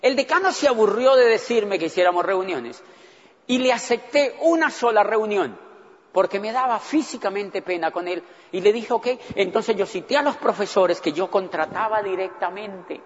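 Animated man telling a story on stage. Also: high-pitched, moderate pace. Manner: animated, acts out his own past thoughts. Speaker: motivational speaker. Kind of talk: storytelling talk to an audience. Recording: dull, echoey hall recording.

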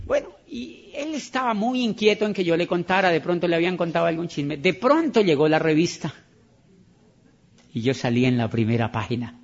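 A man giving an emphatic motivational talk to an audience, repeating his points and acting out conversations. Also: on the high side. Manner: emphatic and repetitive, acts out dialogue. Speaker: motivational speaker. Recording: dull lo-fi recording.

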